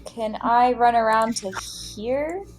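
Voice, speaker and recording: A woman's voice: fairly high pitch, slow pace, slight background noise, rough recording. A woman player talking casually through her moves in a tabletop game.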